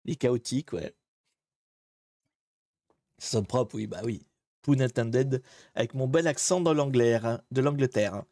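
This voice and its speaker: Male live-stream host, mid-pitched, casual and self-mocking, close dry mic. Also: lively intonation, moderate pace, pauses often, darkish tone, no room sound. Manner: chatty, thinks aloud, greets viewers in chat; laid-back and self-mocking. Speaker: livestream host.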